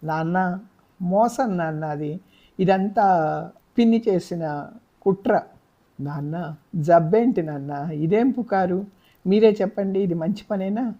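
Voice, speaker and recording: A woman's voice: on the low side, slow, pauses often, warm tone, lo-fi sound. A woman reading a novel aloud, voicing a distraught young daughter who pleads through tears. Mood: pleading. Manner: pleading, tearful.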